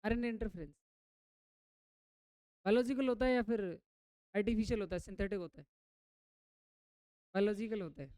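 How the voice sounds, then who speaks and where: Smooth-voiced woman teacher quizzing her class. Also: medium pitch, moderate pace, long pauses, mellow, no echo. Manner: quizzes the class, then repeats the answer; mixes English terms into explanations. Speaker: biology teacher. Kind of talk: classroom lecture.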